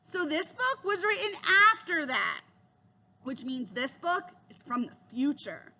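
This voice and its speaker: A woman's voice: high-pitched, sing-song, unhurried, bright, forceful tone, exaggerated voice. A woman voicing a cautious, bookish young boy in a storybook. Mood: earnest.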